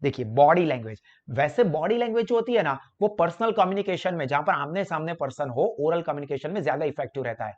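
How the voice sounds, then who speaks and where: A man with a Gujarati accent teaching commerce students, lecturing in a lively way and acting out phone chats as examples. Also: a little high. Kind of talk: classroom lecture mixing Hindi and English. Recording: dull lo-fi lecture recording.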